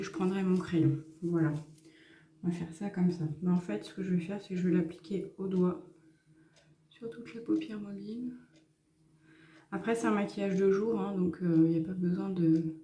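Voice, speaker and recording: A woman's voice: medium pitch, warm tone, reverberant. A woman talking through a makeup tutorial in a casual, hesitant way with many fillers. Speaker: makeup vlogger.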